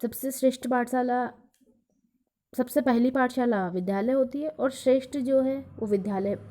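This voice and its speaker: A woman teacher giving a recorded lesson, explaining slowly and acting out examples. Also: high voice, mellow. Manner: slow, explanatory, acts out examples. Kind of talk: recorded lecture on teaching Hindi.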